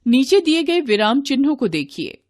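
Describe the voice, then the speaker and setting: A woman reading a textbook lesson aloud to children in a deliberate classroom way, speaking to them directly. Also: sits high, very animated, darkish tone. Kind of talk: scripted lesson narration for children.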